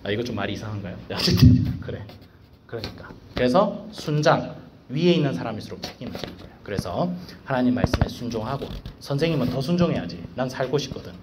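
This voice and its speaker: A man serving as a school evangelist, giving a casual devotional sermon to students in a slangy, animated way full of rhetorical questions. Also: medium pitch, quick pace, noisy background.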